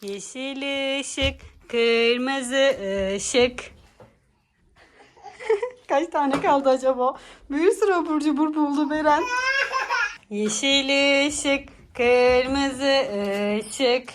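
A woman's voice: high voice, extremely slow, slight background noise. A woman vlogger running a playful game for her younger siblings, teasing them and laughing often as she calls out the rounds. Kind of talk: casual family vlog.

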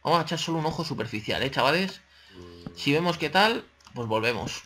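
A man's voice: fairly high pitch, expressive, brisk, bright, forceful tone. Chatty man narrating gameplay. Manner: chatty, talks to himself and viewers, playful exclamations. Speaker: gaming channel host. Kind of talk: casual let's-play commentary.

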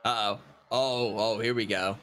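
A man's voice: fairly low pitch, fairly even intonation, a little slow, fairly bright tone. A tired man chatting casually with friends during a game stream. He rambles, fills gaps with "like," and laughs easily, with a faint hiss of noise behind him. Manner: rambling, laughs a lot, many "like"s. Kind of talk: casual gaming chat.

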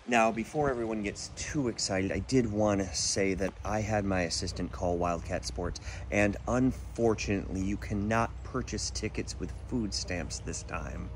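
Casting: smug, sneering rich heel for a wrestling promo , played by a man, lowish voice, middle-aged, roomy sound with background noise. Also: close to an everyday voice. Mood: smug, mock-cheerful. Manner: pompous, mock-polite, sneering, drawn-out emphasis. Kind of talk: scripted wrestling promo to camera. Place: poolside patio, then living room at home.

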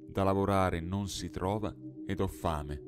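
A poor young village girl, earnest and frightened, speaking with quiet gravity, as a man reads her lines. His own low voice barely lifts for her. Singing bowl music hums clearly behind the audiobook reading. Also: steady tone, normal speed, close to an everyday voice. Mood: serious. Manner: grave, softly serious. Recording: studio narration over singing bowl music.

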